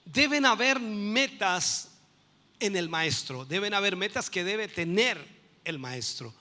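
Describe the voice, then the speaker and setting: A man's voice: high-pitched, lively intonation, takes it slowly, in a large hall. A man, a bishop and pastor, teaching a sermon with emphatic bursts. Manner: emphatic, rising to loud bursts.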